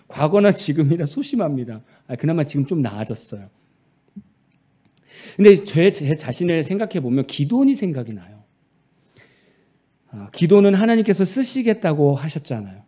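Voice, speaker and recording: A man preaching a sermon in a warm, mellow voice that sits high. His pitch swings widely as he drives points home. He often poses rhetorical questions to the congregation. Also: slightly rough. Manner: emphatic, explaining with rhetorical questions. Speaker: pastor.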